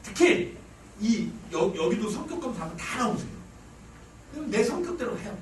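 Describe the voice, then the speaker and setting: A man giving a psychology lecture on parenting to a live audience, talking in an animated way. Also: sits high, moderate pace, distant mic, a little hiss or hum. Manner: animated, acts out mothers' lines with sudden shouts. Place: lecture hall. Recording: roomy hall sound from off-mic. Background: audience laughter.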